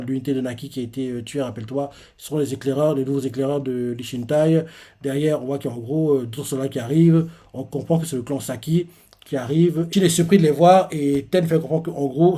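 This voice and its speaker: A man's voice: mid-range voice, warm tone. A man casually recapping a manga chapter, rambling with constant filler words. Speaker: manga reviewer.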